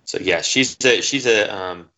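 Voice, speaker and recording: A man casually commenting on a game with a friend, halting and repeating words as he thinks. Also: lowish voice, sharp tone. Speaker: co-host watching a game.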